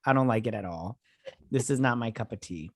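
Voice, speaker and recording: A man's voice: medium pitch, expressive, fairly quick, no echo, studio quality. A man co-hosting a casual, comedic movie podcast, talking in a profane, exclamatory, tipsy way. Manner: profane, exclamatory, mock-outraged; drinking, tipsy. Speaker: podcast host.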